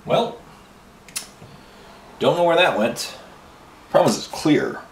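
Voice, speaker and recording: Slow but very animated, a man with a slightly high voice rambles casually as he paints miniatures for a hobby video. He comes from Ireland and Canada and leans heavily on fillers. He's in a home hobby room, a little away from the mic, with roomy echo and faint background noise.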